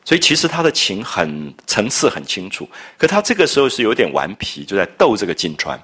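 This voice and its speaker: Husky, low-voiced male lecturer. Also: a little fast. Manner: animated storytelling with asides and rhetorical questions. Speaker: literature lecturer. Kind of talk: lecture explaining a classic novel.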